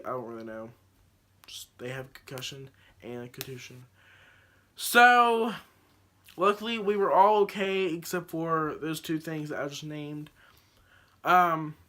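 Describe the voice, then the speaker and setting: A teenage boy recounts a story on his phone camera in a loose, rambling vlog style, full of restarts and fillers. His voice sits a little high and has a bright, forceful edge. He gets excitable as he talks. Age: teens. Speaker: vlogger.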